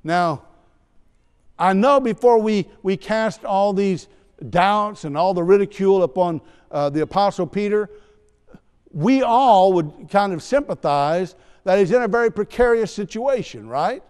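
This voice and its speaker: A man's voice: sits high, expressive, measured pace, a little mellow, clean tone. A man preaching a sermon in a church, talking conversationally with asides and light teasing. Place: church sanctuary. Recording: long church hall reverb.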